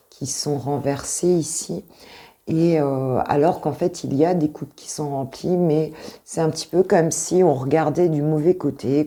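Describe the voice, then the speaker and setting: A woman's voice: sits low, mellow. A French woman coaching intuitively, talking casually through a tarot reading with many hesitations and repeated points.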